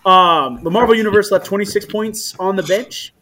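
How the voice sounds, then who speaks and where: Casual male co-host, a touch higher in pitch, quick to laugh, trips over names. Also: fairly bright tone. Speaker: fantasy football podcast co-host. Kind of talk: casual chat.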